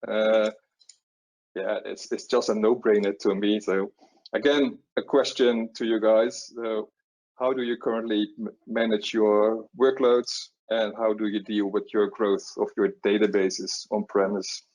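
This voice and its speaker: A man's voice: fairly low pitch, steady tone, unhurried, a little mellow, poor audio. A middle-aged man with a Dutch accent talking on a webinar panel, often repeating words and chuckling at himself. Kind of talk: conversational webinar panel talk.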